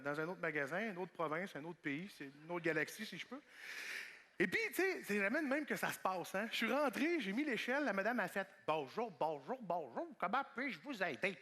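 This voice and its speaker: A man with a Québécois French accent doing a stand-up comedy routine on a theatre stage, telling a story and acting out voices and shouts. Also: high voice.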